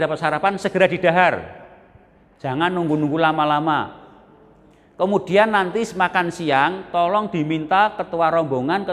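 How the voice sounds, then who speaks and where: A man with a Javanese accent giving a folksy, animated sermon in a mosque. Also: on the high side. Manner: folksy, animated storytelling with lists and repetition. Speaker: preacher. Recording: long reverb of a mosque hall.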